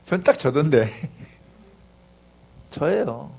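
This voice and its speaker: Male pastor for a Sunday sermon, high voice that swings widely, animated, asks the congregation questions. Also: drawn-out words, creaky, slightly rough.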